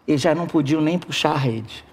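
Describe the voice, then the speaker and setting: A preacher delivering a sermon with an expressive manner, talking straight to the congregation. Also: mid-range voice, fairly quick. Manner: expressive, addresses the congregation directly.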